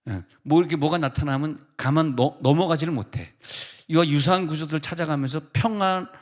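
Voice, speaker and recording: A middle-aged man, the senior pastor, preaching a sermon in a church with casual, humorous storytelling. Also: on the high side.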